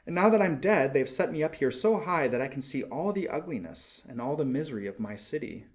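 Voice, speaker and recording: A man voicing a gentle, sorrowful statue of a dead prince in a storybook, solemn, wistful and musical. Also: lively intonation, a little fast, close to an everyday voice. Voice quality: low, musical. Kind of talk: storybook character voice.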